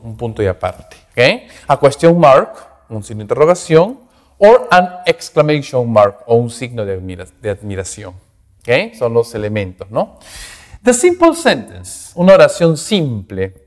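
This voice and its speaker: In a recorded class lecture, a man teaches English grammar while explaining in Spanish, tacking "¿no?" and "¿ok?" onto his phrases. His mid-range voice is sing-song and unhurried, and the room has an echoey hall reverb.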